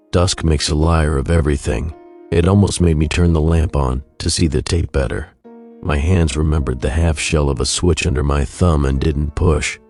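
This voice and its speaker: A man narrating a scripted first-person horror story in a measured, somber creepypasta manner. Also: rumbling low, a little mellow.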